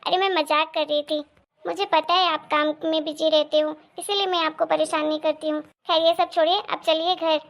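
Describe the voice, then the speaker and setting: Cartoon young wife, cheerful and apologetic, very high girlish voice, a woman acting her. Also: little pitch movement, normal speed, vocal fry, fairly bright tone. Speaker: daughter-in-law.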